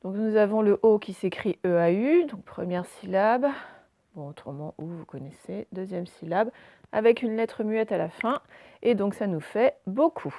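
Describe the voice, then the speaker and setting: A woman schoolteacher talks young children through a reading and handwriting lesson, spelling out letters and guiding them patiently step by step with many small hesitations. Her voice has a gravelly, slightly creaky edge. The sound is dry and close, with no room echo. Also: medium pitch, expressive, moderate pace, warm tone. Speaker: primary school teacher.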